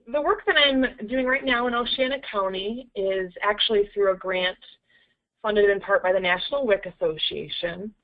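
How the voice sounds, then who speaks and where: A woman program coordinator giving steady, rehearsed answers in a practice interview. Her middle-pitched voice comes over a thin, phone-like line. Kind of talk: mock media interview answers.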